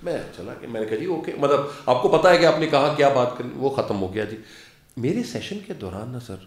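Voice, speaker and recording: A man in his fifties, an actor and lecturer, telling stories as an interview guest and acting out quoted dialogue. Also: mid-range voice. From Pakistan. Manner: animated storyteller who acts out quoted dialogue. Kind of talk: casual interview storytelling. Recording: roomy studio echo.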